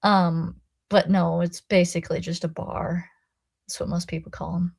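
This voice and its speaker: A woman's voice: lowish voice, normal speed, creaky, husky. Laughing American woman telling stories. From United States. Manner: animated storyteller, swears, laughs often. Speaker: podcast host. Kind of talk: casual chat.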